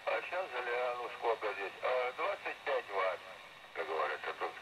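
Very animated, with a mid-range voice and a moderate pace, an older man rambles casually as a ham radio operator, repeating words and phrases. The transmission plays from a transceiver in a room, heard over shortwave with reverb and compression added. It's captured from the speaker amid noisy reception.

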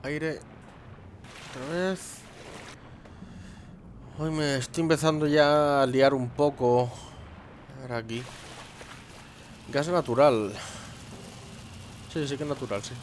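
A man's voice: medium pitch, steady tone, takes it slowly, long pauses, slight background noise. A young man, commenting on his gameplay, muttering to himself and swearing. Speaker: gameplay host. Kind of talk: let's play commentary.

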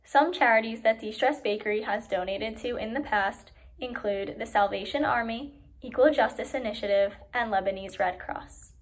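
A teenage girl with a slightly high voice reads school news narration. Her delivery is steady and clear. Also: moderate pace. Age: teens. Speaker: student reporter.

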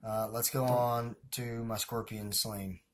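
A man's voice: mid-range voice, flat delivery, slow. A man with a Southern US accent narrating a casual feeding video as a hobbyist keeper, chatty and rambling, talking to viewers as guys. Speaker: hobbyist scorpion and tarantula keeper.

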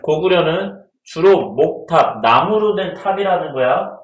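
A man's voice: fairly high pitch, expressive, unhurried. Chatty male history teacher, roomy echo. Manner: chatty, asks students questions and answers them himself. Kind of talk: casual exam-prep lecture.

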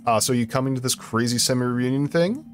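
A man's voice: mid-range voice, quick pace, faint music behind, natural voice. A man reading a chatty old school friend. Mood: friendly. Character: friendly old classmate texting.

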